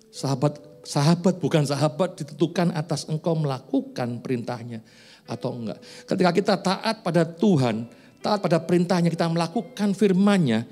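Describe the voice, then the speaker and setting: A man in his forties preaches to his congregation with a slightly high voice, shifting from easy jokes to pointed, rising questions. Soft music plays behind him in the church. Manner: conversational, joking asides, rising emphatic questions. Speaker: pastor. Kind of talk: sermon. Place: church sanctuary.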